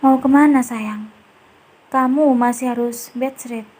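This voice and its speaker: A woman voicing a middle-aged mother-in-law who soothes her tearful daughter-in-law while gently probing her. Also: high voice, fairly even intonation, measured pace. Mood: soothing, probing.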